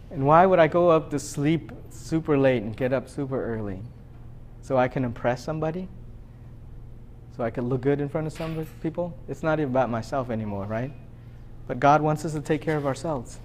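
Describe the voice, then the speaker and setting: A man in his thirties preaching a sermon, swinging between loud excitement and quiet reflection. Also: medium pitch. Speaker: pastor.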